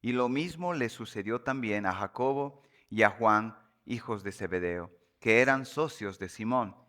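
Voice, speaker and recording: Bright-voiced pastor reading scripture. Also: male voice, on the low side. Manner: measured, solemn reading with slow emphatic pauses.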